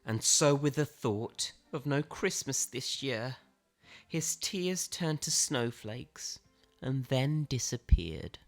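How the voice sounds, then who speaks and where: A woman reading a children's picture book aloud in a theatrical way, with dramatic emphasis and suspenseful pauses. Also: very deep voice, lively intonation, soft background music. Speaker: storybook reader.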